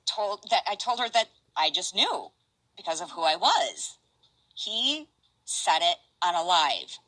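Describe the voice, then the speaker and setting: An older woman casually chatting on a stream, reading out messages in a halting, rambling way. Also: mid-range voice, sharp tone, no echo, low-quality recording. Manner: rambling, halting, restarts and asides.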